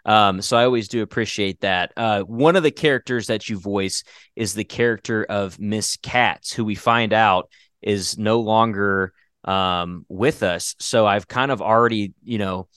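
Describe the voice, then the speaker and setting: A man's voice: lowish voice, unhurried, fairly bright tone, clean tone, dry recording, studio quality. A man hosting his own podcast, chatting casually, rambling with lots of fillers and restarts. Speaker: podcast host and writer. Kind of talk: casual chat.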